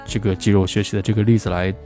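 A man teaching English pronunciation, who slows down to drill phrases again and again. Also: on the low side, little pitch movement, music in the background. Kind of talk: spoken language lesson.

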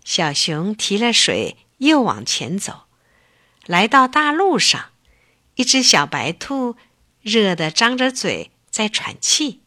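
A woman telling a children's story slowly and gently, with a bright, clear voice. Her delivery is expressive and full of lilt. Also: medium pitch.

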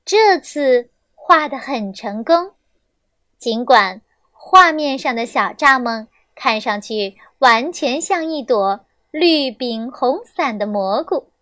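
A young woman reading a children's story aloud, gentle and expressive, on a close mic. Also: high-pitched, takes it slowly, dry recording.

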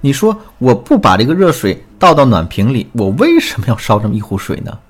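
A man's voice: medium pitch, sing-song, a little fast, slightly rough, faint music behind. A man voicing a 29-year-old wife who complains in exasperation about her husband. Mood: exasperated.

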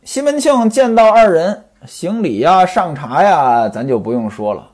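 Husky, animated male storyteller. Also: high-pitched, measured pace. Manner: chatty, explains old customs to listeners. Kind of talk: traditional storytelling with asides.

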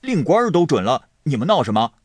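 A man voicing a boorish, blustering rich young man who hems and pauses between words, in a story reading. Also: medium pitch, sing-song, a bit bright, no room sound, clean studio sound, pitched above the performer's own voice, heavily acted. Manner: hemming with drawn-out pauses.

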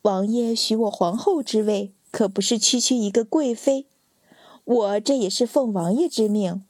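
A spiteful young noblewoman from a palace storybook, smug and cruel, with mockery in every line, as a woman narrator puts her on. The voice is mellow and a little husky, heard close and dry. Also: on the high side, moderate pace, dry recording, close to an everyday voice. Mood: mocking. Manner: mocking.

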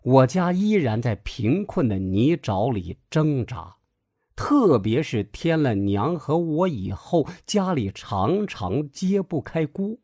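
A man narrates a story slowly and with feeling, his husky voice rising and falling in a lively way. The recording is dry and close, with faint music playing underneath. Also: mid-range voice, no echo. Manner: measured, expressive storytelling. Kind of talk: scripted narration.

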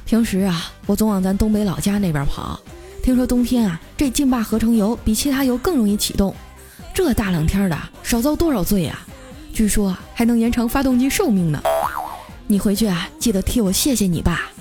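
A woman voicing a short-tempered man nearly forty, gruff and blunt. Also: medium pitch, animated, a little fast, warm tone, faint music behind, close to an everyday voice. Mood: earnest.

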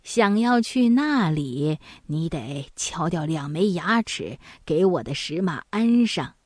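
A woman voicing a calm, knowing old mountain granny who speaks slowly in a low, hushed voice, in a storybook reading. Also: dry recording, studio quality.

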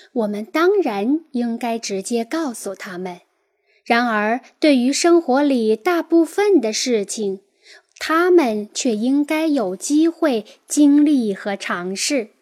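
Slow, high-voiced woman reading aloud. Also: darkish tone. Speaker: audiobook narrator. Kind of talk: scripted nonfiction reading.

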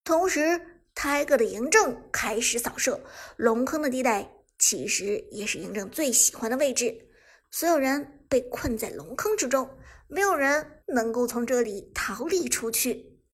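A woman narrates an audiobook of a web novel with brisk, dramatic momentum. Her voice is breathy and husky, pitched a touch high. The telling stays quick and vivid through the action. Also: animated.

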